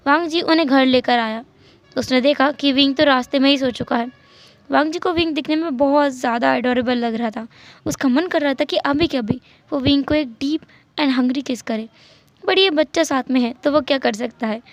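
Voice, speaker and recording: A woman narrating a fan story in a lively retelling with English words mixed in. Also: sits high, normal speed, no echo.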